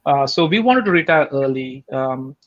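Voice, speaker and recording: A man's voice: mid-range voice, animated, normal speed, fairly bright tone, lo-fi sound. A man in his forties, from Sri Lanka, the guest in a casual online interview, talking steadily and earnestly with many ums and restarts.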